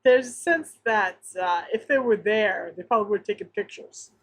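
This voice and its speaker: A woman's voice: medium pitch, normal speed, husky. A woman co-hosting a podcast in casual, enthusiastic chat, laughing often. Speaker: podcast co-host.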